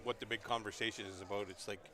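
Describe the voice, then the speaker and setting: A man's voice: on the low side, steady tone, fast talker, a bit bright. A man giving live color commentary from a stadium booth, opinionated and loose, with lots of fillers. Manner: chatty, opinionated, full of fillers. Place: press booth at an outdoor stadium.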